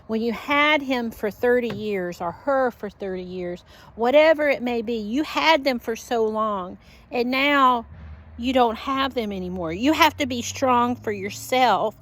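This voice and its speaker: An older widowed woman talking slowly and heartfelt in a casual personal vlog recorded at home. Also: fairly high pitch, a bit bright. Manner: slow, rambling, heartfelt. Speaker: vlogger.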